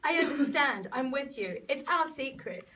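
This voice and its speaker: Woman doing a giggly two-timing girlfriend, live script reading, high lively pitch, distant phone recording, loud hall noise. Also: normal speed. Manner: giggly, breaking into laughter. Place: cinema hall with audience.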